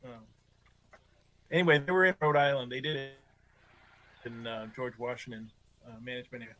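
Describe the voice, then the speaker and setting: A man's voice: mid-range voice, fairly even intonation, fairly quick, sharp tone. A laid-back man chatting on a podcast and easily amused by his own story. His remote audio crackles, drops and cuts out. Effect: choppy remote audio that crackles and cuts out. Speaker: podcast co-host. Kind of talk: casual chat.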